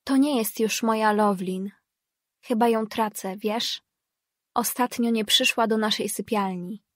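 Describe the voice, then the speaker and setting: Heartbroken dad, shaky and quiet, woman reading him in a dry booth. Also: a little high, measured pace, no room sound. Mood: grieving. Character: heartbroken middle-aged father, tearful. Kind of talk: audiobook character reading.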